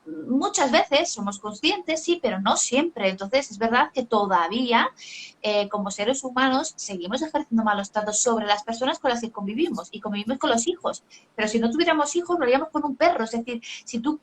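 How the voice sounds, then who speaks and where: A woman's voice: high voice, lively intonation, fairly quick, slight background noise. A middle-aged woman, a parenting author explaining ideas in a live video chat, with everyday examples. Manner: didactic, uses examples and acted quotes. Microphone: video call.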